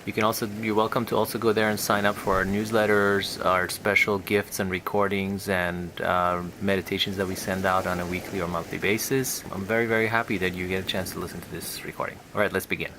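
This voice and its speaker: A man's voice: deep voice, flat delivery, a little fast, hardly any pauses, noisy background. A man speaking as a hypnotherapist on a guided relaxation recording, with a soothing, hypnotic delivery. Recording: music and rain sounds behind the voice. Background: relaxation music with rain.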